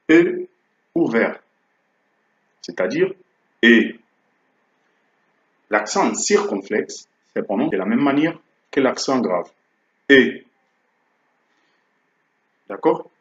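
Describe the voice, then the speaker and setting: Slow-speaking male French teacher, roomy sound. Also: mid-range voice, highs cut off. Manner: slow, repeats key words, checks with "d'accord?". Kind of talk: language lesson, slow and explanatory.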